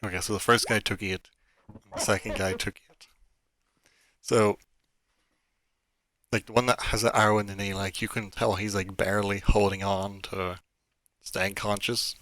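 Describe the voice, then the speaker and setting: A man narrating as dungeon master, describing scenes slowly with many fillers and pauses. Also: lowish voice, flat delivery, a bit bright. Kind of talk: narrating a tabletop game.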